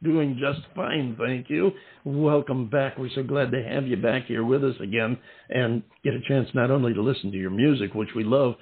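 A man's voice: medium pitch, fairly even intonation, moderate pace, slightly rough. A male host interviewing a musician, talking in a formal, courteous way with long winding questions. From lived in Southern California. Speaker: radio show host. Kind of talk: interview on a phone line. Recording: tinny phone-line sound.

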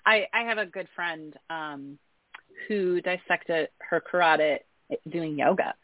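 A woman's voice: lowish voice, takes it slowly, no room sound. Conversational woman hosting a podcast. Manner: conversational, affirming, asks questions. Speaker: podcast host. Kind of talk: podcast interview. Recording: dry, tinny phone-like line.

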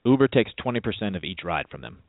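A man co-hosting a radio talk show, telling stories in a lively casual way. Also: low voice, quick pace, no echo. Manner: animated storyteller, voice jumps up in quotes. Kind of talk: casual chat. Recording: dry, phone-like narrow sound.

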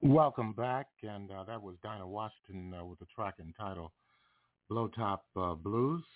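A man hosting a radio show, introducing the next segment in a relaxed, unhurried way with pauses. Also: fairly low pitch. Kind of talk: casual radio links between segments. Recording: distant, tinny phone-like radio sound.

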